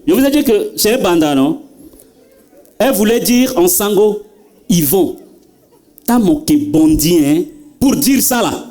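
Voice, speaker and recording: A man doing stand-up comedy, telling stories and talking straight to the audience. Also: very high voice. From Central African Republic. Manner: animated storytelling, addresses the audience directly.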